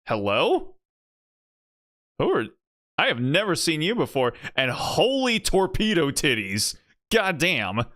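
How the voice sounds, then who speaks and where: A young man streaming a game has a somewhat bright voice on the high side, swinging hugely in pitch. He reacts casually, cracking crude jokes, reading bits of narration aloud, and drifting into drawn-out asides.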